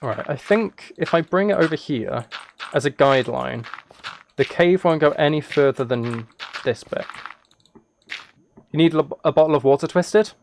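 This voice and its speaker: A man hosts a game livestream, chatting casually and teasingly to viewers and rambling off on asides. His voice is fairly high and a little mellow, with lively intonation, a moderate pace and frequent pauses, while keyboard typing and clicks sound through clear noise.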